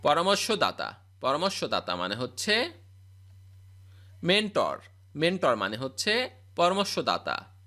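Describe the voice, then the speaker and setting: A man's voice: a little high, wildly swooping pitch, measured pace, long pauses, bright, forceful tone. A man reciting a scripted vocabulary drill as a spoken English teacher, repeating each word and its meaning.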